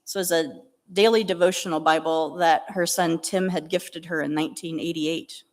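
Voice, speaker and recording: Middle-aged female pastor, low-pitched, eulogy with gentle humor, reverberant church hall. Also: fairly even intonation, moderate pace. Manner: warm storytelling with gentle humor. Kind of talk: memorial eulogy. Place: church sanctuary.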